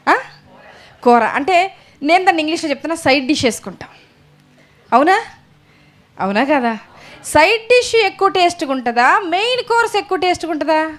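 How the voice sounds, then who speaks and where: A woman preaching a sermon at a church service, calling out hallelujah and asking the congregation questions. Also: high-pitched.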